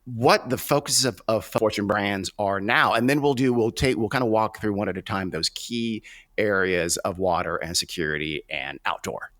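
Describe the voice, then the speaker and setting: Podcast host, male, low voice, relaxed and conversational. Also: moderate pace. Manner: friendly, casual, asks questions. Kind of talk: conversational interview.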